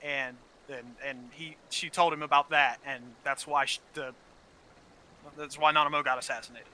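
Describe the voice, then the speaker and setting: A gaming channel co-host talks casually about a game's story. His voice is mid-range, with fairly even intonation, a moderate pace and a sharp tone, on a low-quality recording. Heated and opinionated, he swears often and repeats words as he gets his point across.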